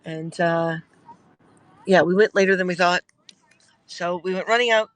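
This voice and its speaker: A woman's voice: fairly low pitch, steady tone, moderate pace, no room sound, low-quality recording. A woman hosting a casual livestream from a car, chatting in a rambling way with lots of fillers. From Canada. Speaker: livestream host. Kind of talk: casual live chat while riding in a car. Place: in a car at night.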